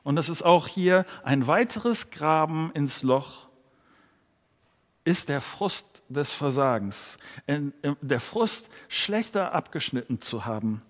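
A man's voice: fairly high pitch, lively intonation, takes it slowly. A man preaching a sermon, earnest, speaking directly to his listeners. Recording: long hall reverb.

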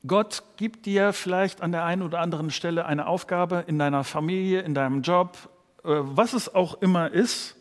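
A man's voice: sits high, normal speed. A man preaching a sermon, earnest, speaking directly to his listeners. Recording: long hall reverb.

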